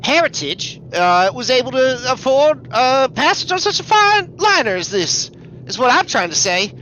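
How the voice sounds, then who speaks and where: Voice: high-pitched, very animated, moderate pace, pushed and bright, lo-fi sound, slight background noise, voice pushed up, heavily acted. A game master voicing an eager, bumbling, condescending young man who stammers and apologizes in a tabletop game. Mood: chipper, awkwardly condescending. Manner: stammering, flustered, over-apologetic. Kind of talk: tabletop role-play character voice.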